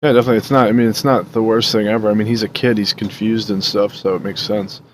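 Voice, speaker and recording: Low-voiced man running a tabletop game. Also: flat delivery, quick pace, slight background noise. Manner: casual, laughing often. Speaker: dungeon master.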